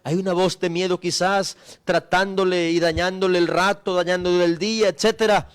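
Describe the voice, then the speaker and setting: A middle-aged male pastor preaches with a high, ringing voice. His delivery is emphatic, building through repeated phrases. The cadence rises and falls like a sermon from the pulpit. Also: level tone, moderate pace, clear, resonant tone.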